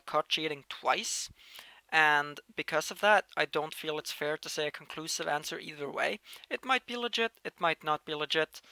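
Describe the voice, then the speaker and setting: In this laid-back Q&A monologue, a young Norwegian host in his late teens answers viewer questions, restarting phrases a lot and getting louder and softer in lively bursts of emphasis. He speaks chattily in a voice on the high side, with no room sound.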